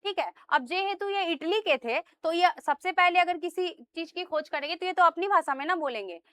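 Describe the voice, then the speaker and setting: The voice is extremely high and expressive, fairly bright, at normal speed, recorded with studio quality and no room sound. It belongs to a woman teacher giving a classroom lecture, going step by step, checking in with students often, and answering her own questions to them.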